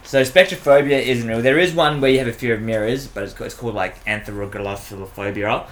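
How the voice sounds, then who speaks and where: A man's voice: mid-range voice, a little fast, a bit bright, a little hiss or hum. A man hosting a casual podcast chat, rambling with frequent restarts and laughter while he explains a quiz. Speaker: podcast host.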